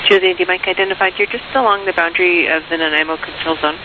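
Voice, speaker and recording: A man's voice: high-pitched, steady tone, very fast. A man working as an air traffic controller, giving clipped, procedural calls over a crackly radio. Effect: crackly radio transmission. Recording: crackly, hissy narrowband aviation radio.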